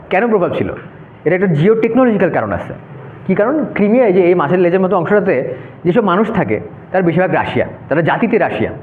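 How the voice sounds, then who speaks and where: A young man giving an informal classroom lecture, talking students through a map and often checking "okay?". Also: high voice. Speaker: debate workshop instructor. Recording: echoey room, phone-like narrow sound.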